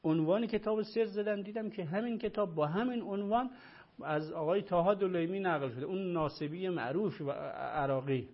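A man's voice: fairly high pitch, highs cut off. A man, a religious scholar, answering a caller's questions in a live call-in discussion, lecturing emphatically and repeating phrases.

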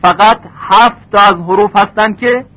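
A man teaching recitation rules in a lesson, stretching out example words slowly. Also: high-pitched. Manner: slow drawn-out example words. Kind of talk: tajweed lesson. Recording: dull lo-fi recording.

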